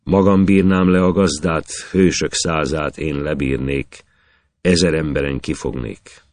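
A man's voice: very deep voice, steady tone, no echo. A man voicing a boastful young warrior hero, declaiming proud lines of verse in an old epic.

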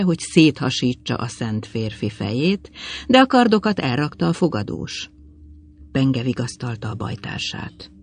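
A man reading an old-fashioned tale aloud in a measured storytelling manner. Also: on the high side. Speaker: narrator.

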